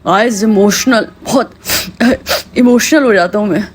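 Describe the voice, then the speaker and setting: A woman's voice: medium pitch, measured pace, slight background noise, voice pushed down, natural voice. Woman mocking a whiny male vlogger. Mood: mock-melodramatic. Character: self-pitying male family vlogger, melodramatic.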